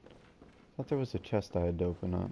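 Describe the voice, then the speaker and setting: A man's voice: low-pitched, fast talker, gravelly, mellow, a little hiss or hum. A man giving casual let's play commentary as a gaming host, with slangy, jokey asides.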